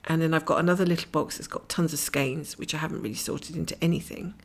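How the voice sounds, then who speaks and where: A middle-aged Scottish woman, a cross-stitch vlogger, chats casually at home with the camera over her stitching hoop during a stitch-along. Her slightly low, gravelly voice is husky and croaky from a blocked nose, steady in tone and quick. She rambles chattily and often drops to a soft whisper.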